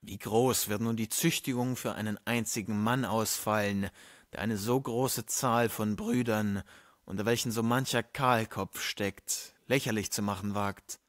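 A man's voice: fairly low pitch, steady tone, a little slow, no room sound, clean studio sound, lightly acted. A man voicing an older, pompous friar who answers mockery with indignant, preachy scripture quotes. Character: irate, pompous male friar, older theologian.

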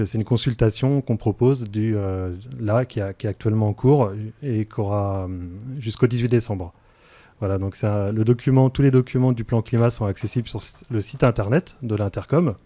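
A man with a low, mellow voice, an energy transition project officer, answers questions in a radio interview, explaining in a hesitant, halting way with frequent fillers. He's indoors in a radio studio on a close studio microphone, and the recording is dry.

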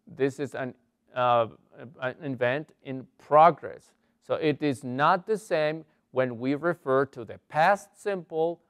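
A man teaching an online English grammar lesson, explaining in Spanish and reading English examples slowly while asking his students questions. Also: medium pitch, clean tone, no room sound, clean studio sound. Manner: asks students questions often.

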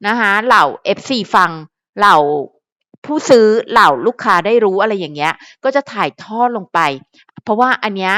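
A woman's voice: mid-range voice, animated, moderate pace, a bit bright, no echo, studio quality. A young woman chatting casually to her viewers as a fan vlogger, calling herself by her nickname and thinking aloud as she goes. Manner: talks to viewers directly, musing aloud. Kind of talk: casual chat.

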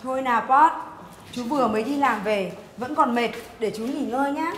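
A woman's voice: sits high, moderate pace, fairly bright tone, a little hiss or hum. Woman playing an apologetic single mother. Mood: gentle. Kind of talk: web drama acting.

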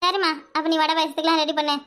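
A woman's voice: very high voice, little pitch movement, rapid-fire, pushed and bright. A woman doing a bossy old mother-in-law. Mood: ordering. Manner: bossy, giving orders.

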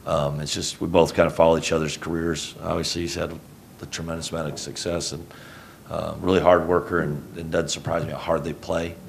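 A middle-aged man from Houston, a head basketball coach, answering reporters after a game in a rambling, self-correcting, low-key way, speaking into a table mic in a press conference room. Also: flat delivery, fairly quick, vocal fry, a little hiss or hum. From Houston, Texas. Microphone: table mic on a stand.

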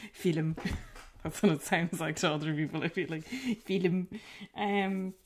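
A woman's voice: deep voice, moderate pace. A woman with a rural Irish accent chatting casually and self-deprecatingly while she paints on a livestream, with lots of filler words. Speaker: artist hosting a painting livestream.

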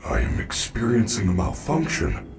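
An actor playing a gentle, caring male robot bear animatronic, speaking in calm, polite, formal phrases in video game dialogue. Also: lowish voice, moderate pace, soft background music, close to an everyday voice. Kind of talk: video game dialogue played during gameplay.

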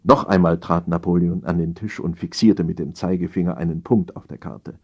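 A man's voice: deep voice, fairly even intonation, a little fast, a little mellow, slightly rough, dull audio. A man narrating a humorous audio book in a dry storytelling manner.

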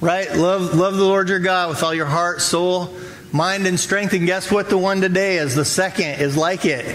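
An American pastor in his forties leads a church service from an indoor auditorium stage, chatting informally with his congregation in an upbeat, casual, interactive sermon. His voice is high-pitched and a bit bright, with fairly even intonation and a moderate pace. The recording is low quality.

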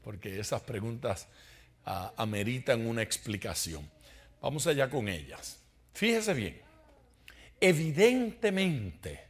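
Speaking at medium pitch, a man delivers a sermon-style Bible study in church. He throws rhetorical questions at the congregation and drops in jokes along the way.

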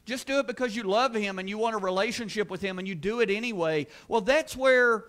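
Preaching fairly quickly in a high, light voice, a male pastor gives a sermon in a church sanctuary. His delivery is earnest and forceful, repeating key words and building to louder, higher exclamations at the peaks.

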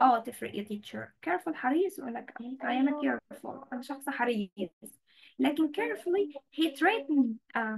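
A high-pitched woman with an Egyptian accent teaches English vocabulary in an online class. She moves back and forth between Arabic and English, frequently making sure her students are keeping up.

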